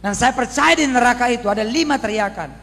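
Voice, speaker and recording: A man preaching a sermon as pastor, animated and theatrical, acting out voices and shouting at times. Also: very high-pitched, fast, in a large hall. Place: large church hall with congregation.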